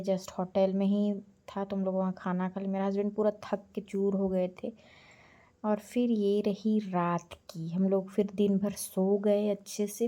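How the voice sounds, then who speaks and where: A woman talks through her holiday photos in a relaxed, unhurried way. Her voice is soft and mellow and stays on an even pitch. She chats casually and keeps turning to her viewers. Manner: chatty, homely, calls on viewers. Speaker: vlogger narrating her trip. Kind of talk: casual voice-over narration of photos.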